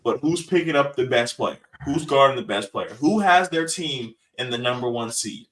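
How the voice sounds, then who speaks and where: A man's voice: medium pitch, expressive, moderate pace, a bit bright, far from the mic, low-quality recording. A man hosting a casual sports podcast, confident and pressing his guests for answers. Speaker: podcast host.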